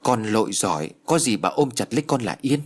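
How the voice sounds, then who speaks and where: A man voicing a quick-witted, eager young servant girl in an audiobook story, speaking in an eager, helpful manner. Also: mid-range voice, big pitch swings.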